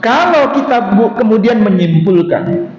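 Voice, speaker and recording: Guy giving a mosque lecture, high lively voice, asks questions then answers em, big echoey hall. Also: unhurried. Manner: rhetorical questions, answers them himself. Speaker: religious teacher. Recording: dull echoey hall recording.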